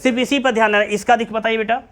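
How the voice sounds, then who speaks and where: A man lectures on chemistry to a room of students. His voice sits high, and he keeps pausing to ask whether the class has understood. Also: little pitch movement, a bit bright. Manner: repeatedly checks understanding, calls students beta. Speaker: chemistry teacher.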